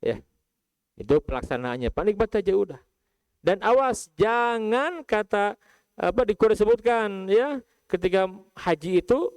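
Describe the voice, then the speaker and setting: A man with a Sundanese accent preaching to pilgrims, asking his listeners questions and swinging from calm recitation to high animated outbursts. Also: smooth, no echo. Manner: addresses listeners as Pak and Bu, asks rhetorical questions. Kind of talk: sermon to pilgrims.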